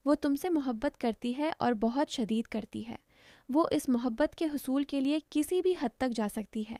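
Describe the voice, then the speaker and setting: A woman's voice: high-pitched, dark tone, no echo, clean studio sound. A woman voicing the playful, teasing young friend of a fiancée in a narrated story.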